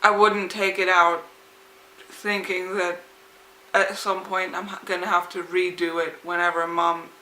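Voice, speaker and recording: A woman's voice: fairly low pitch, level tone, measured pace, pushed and bright, slight background noise. A young woman chatting casually for a vlog, with slightly impeded, lisping articulation, as if her tongue is swollen. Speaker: vlogger. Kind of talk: casual vlog chat, rambling. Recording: echoey, roomy sound.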